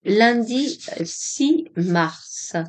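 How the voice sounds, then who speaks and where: Woman reading a diary in measured tones. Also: on the high side, animated. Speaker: audiobook reader.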